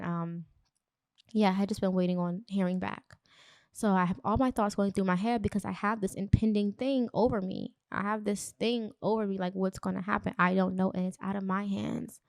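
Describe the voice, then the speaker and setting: A young woman hosts her own podcast, speaking in a candid, reflective and chatty way straight to her listeners. Her voice has a gravelly, fry-tinged edge and sits at a middle pitch. It is recorded dry and close, with no room sound. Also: darkish tone, no echo. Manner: chatty, addresses listeners directly. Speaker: podcast host. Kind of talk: casual personal monologue.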